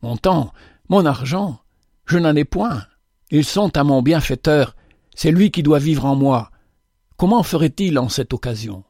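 A man's voice: a little high, lively intonation, a little mellow, no room sound, studio quality. A man reading a humble, tearful repentant convict. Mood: pensive. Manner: slow, pleading, self-reproaching.

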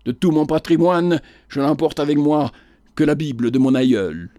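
A man's voice: on the high side, moderate pace, dark tone, dry recording, studio quality, lightly acted. A man voicing a wrathful, grieving old peasant prophet who preaches in impassioned tirades. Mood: mournful.

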